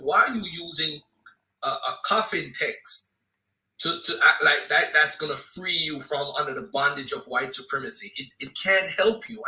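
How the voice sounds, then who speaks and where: Animated man, very sharp tense voice, recorded off-mic in an echoey room. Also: on the high side. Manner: animated, plain-spoken, uses everyday analogies. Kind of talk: casual conversation. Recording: roomy sound, distant from mic.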